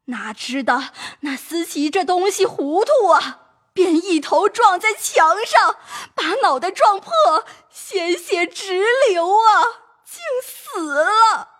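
A woman's voice: very high voice, lively intonation, a little slow, fairly bright tone, exaggerated voice. A woman playing a servant woman who pleads with her mistress and tells a long sad story. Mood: pleading. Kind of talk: audio drama acting.

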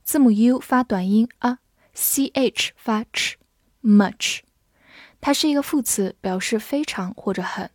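A woman teaching English vocabulary in a scripted lesson, spelling each word letter by letter and reading example sentences slowly. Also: on the high side, darkish tone, dry recording, studio quality.

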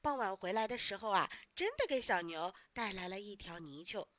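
A woman tells a children's bedtime story in a warm, coaxing way. Her bright voice rises and falls with animation. It is recorded close and dry. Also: medium pitch, lively intonation, moderate pace, no room sound.

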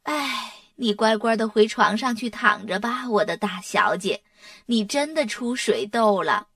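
A woman voicing a firm, sensible mother in a children's storybook, scolding gently. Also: a little high, expressive, measured pace, no room sound. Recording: distant mic, dry sound.

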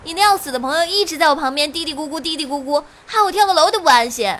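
A woman's voice: high voice, animated, fast, a bit bright. Woman playing a petulant would-be jumper. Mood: complaining. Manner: petulant, provoking. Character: dramatic young woman set on jumping. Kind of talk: comic audio drama.

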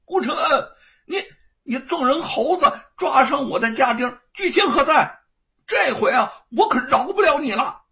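A man voicing an arrogant young male bully, a rich landlord's son, who sneers and shouts. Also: very high-pitched, lively intonation, moderate pace, gravelly, pitched above the performer's own voice, exaggerated voice. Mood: sneering fury. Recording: dull lo-fi recording.

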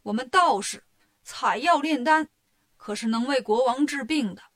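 A woman's voice: sits high, normal speed, fairly bright tone. A woman voicing a sly old male Taoist who is secretly a demon in a storybook, speaking in a sneering, scheming way.

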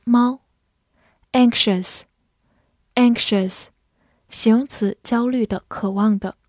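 A woman reads a vocabulary review at a very slow pace, saying each word twice with deliberate care. Her tone is mellow and dark, recorded dry and close. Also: medium pitch, no room sound. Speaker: vocabulary teacher.

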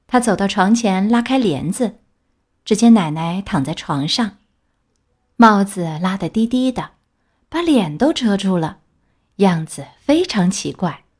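A woman reading a children's fairy tale aloud in a gentle, expressive storytelling manner. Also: mid-range voice, a little slow, husky.

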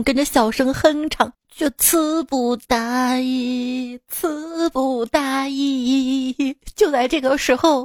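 A woman's voice: high-pitched, no room sound, studio quality. A woman radio host reading funny listener stories in a playful, laughing manner. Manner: playful, laughing often, doing small voices.

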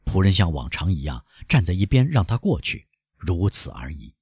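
A man reading a novel aloud as an audiobook narrator, in a dramatic, expressive manner. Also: deep voice, moderate pace, husky, dry recording, studio quality. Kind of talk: scripted narration.

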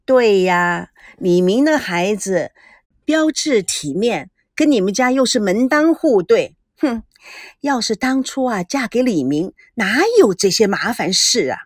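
A woman's voice: mid-range voice, expressive, a little slow, dry recording, studio quality. A woman voicing a chatty, gossipy older rich woman at a mahjong table, exclaiming at every turn. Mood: gossiping.

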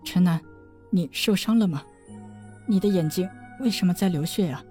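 一位女性在有声书中演绎一个温柔痴情、奄奄一息的年轻女子，说话轻柔断续，带着哭腔。. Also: female voice, fairly low pitch, soft background music, close to an everyday voice. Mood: weak, worried. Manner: soft, halting, tearful. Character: dying gentle young woman, tender and devoted. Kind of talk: audiobook drama reading.

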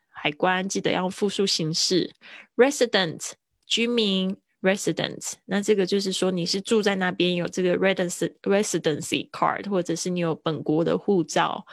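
A woman leads a livestream vocabulary lesson, her fairly low voice carrying a gravelly edge. She mixes English terms into relaxed Chinese explanations, drawing words out slowly to drill them. The sound is close and dry. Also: no room sound. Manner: laughs easily, drawn-out word drills. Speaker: English teacher.

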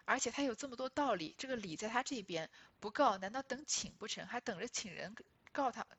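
A woman giving relaxed, conversational commentary on a classic novel, often checking in with listeners. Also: on the high side, a little fast, breathy edge. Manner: conversational, asks listeners "right?". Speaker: literature explainer.

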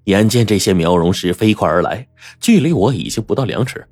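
A man narrating a first-person adventure audiobook in a dramatic, animated manner. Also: fairly low pitch, a little fast, no echo, clean studio sound, soft background music.

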